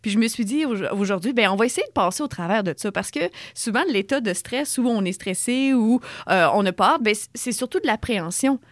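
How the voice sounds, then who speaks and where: Quebec lady hosting a talk show, talks fast, kinda high. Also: lively intonation, dry recording, clean studio sound. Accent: Quebec French. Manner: quick, engaged, asks questions. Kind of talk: casual radio talk.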